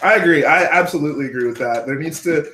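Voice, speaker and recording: A man's voice: a little high, quick pace, pushed and bright. A man hosting a live stream, casually talking through his points and questioning his guest. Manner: questioning, talks things through. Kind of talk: casual chat. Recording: roomy room echo.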